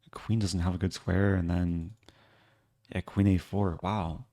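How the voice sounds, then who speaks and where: A man giving casual live commentary as a chess streamer, low-key and thinking aloud in short fragments. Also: fairly even intonation, a little slow, dark tone.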